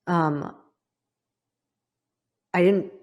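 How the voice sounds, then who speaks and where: A woman from the Midwest speaks in a slightly low voice as a podcast host recounting her own story. She talks candidly and haltingly, and her voice drops quiet at the painful parts. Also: steady tone. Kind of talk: personal storytelling to a guest.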